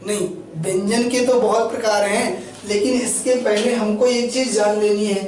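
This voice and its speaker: A male teacher gives a grammar lesson with a high, fairly flat voice, joking with his students and answering his own questions. The sound is very echoey, and he is heard from some distance away from the mic. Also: moderate pace. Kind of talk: classroom lecture.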